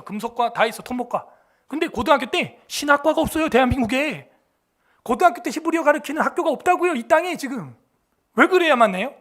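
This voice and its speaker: A pastor preaches in a high, bright man's voice. His delivery is animated and chatty, and he keeps tossing rhetorical questions at the congregation. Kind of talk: sermon. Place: church.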